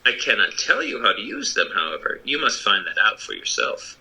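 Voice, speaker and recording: Bright-voiced, animated old humbug wizard played by a man. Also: on the low side, brisk, slightly rough, pitched below the performer's own voice, heavily acted, poor audio. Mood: apologetic, reassuring. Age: older. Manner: earnest, explanatory. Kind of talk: storybook reading.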